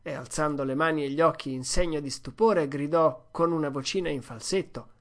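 This audiobook narrator, speaking fairly quickly in a mid-range voice, gives an expressive yet steady first-person reading of a classic adventure tale.

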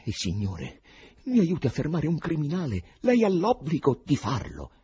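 A man voicing a furious, desperate young poet who shouts in agitation. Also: on the high side, wildly swooping pitch, moderate pace, breathy edge, pitched above the performer's own voice, exaggerated voice. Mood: pleading.

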